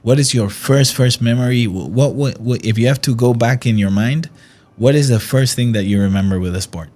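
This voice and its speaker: A man's voice: medium pitch, brisk, a little mellow. A man hosting an interview, encouraging and conversational, often rephrasing his questions. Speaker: interviewer, host.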